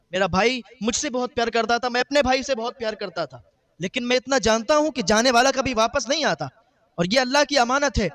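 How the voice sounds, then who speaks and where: Grieving brother in a sermon story, a male preacher doing him; high, earnest, pleading. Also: fairly bright tone. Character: grieving man mourning his dead brother.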